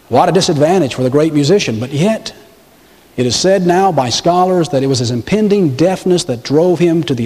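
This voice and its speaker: A middle-aged man from the American South preaching a sermon as pastor, animated and acting out the voices he quotes. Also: long reverb tail. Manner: animated, acts out quoted voices with pitch swings.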